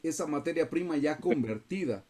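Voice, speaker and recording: A man's voice: a little high, animated, normal speed, darkish tone. Earnest man teaching over video call. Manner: earnest, repeatedly addresses listeners as brothers. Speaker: Bible study teacher.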